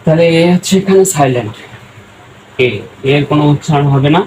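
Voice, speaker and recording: A man teaching a spoken-English lesson, slowly breaking words into syllables and repeating them as he writes. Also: fairly high pitch, a little mellow, slight background noise, rough recording. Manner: slow, repeats words syllable by syllable while writing.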